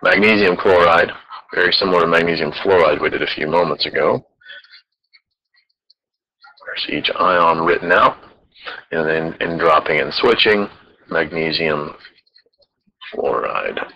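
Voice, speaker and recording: A man's voice: low voice, a little slow, pauses often, bright, forceful tone, slightly rough, lo-fi sound. A man teaching chemistry in a recorded lecture, explaining patiently step by step.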